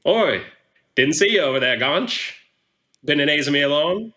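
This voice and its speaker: A man voices a shifty male newspaper proprietor with a smug, folksy manner. He clips his sentences and leans in like he is sharing a secret. His pitch sits a little above his own. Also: animated, measured pace, sharp tone. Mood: sly, smug. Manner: sly, folksy, conspiratorial, drops words.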